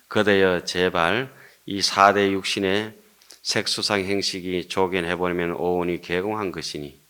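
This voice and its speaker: In a low, slightly bright voice, an elderly monk with a Gyeongsang Korean accent lectures earnestly on the dharma. He poses rhetorical questions and trades jokes with those listening.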